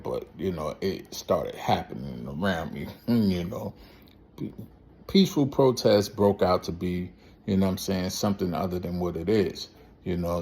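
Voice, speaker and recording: Brooklyn-raised vlogger, man with a New York accent, gravelly and fairly low, loose rambling street talk. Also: darkish tone, slight background noise. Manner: loose, rambling, heavy with "you know what I'm saying". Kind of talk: casual street-talk monologue.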